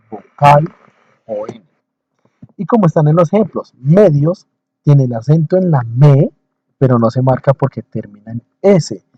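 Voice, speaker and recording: A male teacher talks through a recorded lesson in short phrases, pausing often and repeating himself to drive each point home. His voice sits in an ordinary middle register. The recording sounds dry and slightly dull. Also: mid-range voice, dark tone, no echo. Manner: explains slowly in short phrases, checks in with listeners. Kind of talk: recorded lecture over slides.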